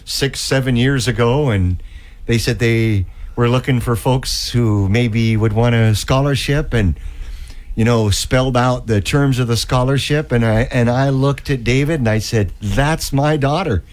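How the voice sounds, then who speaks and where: A middle-aged man in casual studio chat, telling anecdotes in an informal, halting way as a radio co-host. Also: mid-range voice.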